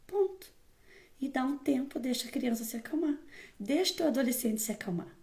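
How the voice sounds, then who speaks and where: A woman's voice: sits high, a little fast, warm tone. A woman speaking as a parenting educator, giving firm, emphatic advice to viewers in a casual tone and often checking in with the listener.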